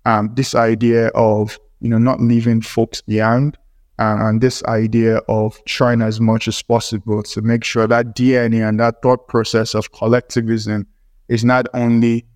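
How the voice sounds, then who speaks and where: A man's voice: medium pitch, monotone, a little slow, a little mellow, no room sound, studio quality. A man speaking as a startup co-founder in an interview, explaining earnestly in formal, aphoristic wording.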